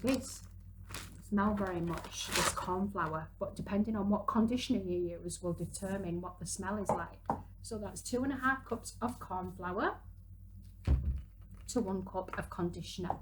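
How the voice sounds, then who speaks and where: Speaking at a measured pace in a mid-range voice, a thirtysomething woman gives a casual, instructive craft demonstration for parents and little kids, doing the activity as she goes. The background is noisy.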